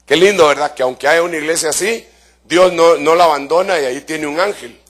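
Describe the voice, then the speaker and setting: High-voiced man preaching fervently. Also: fairly quick. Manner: fervent preaching, often addresses listeners as brother with rhetorical questions; swings between soft asides and raised, shouted emphasis. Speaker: pastor. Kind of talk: sermon.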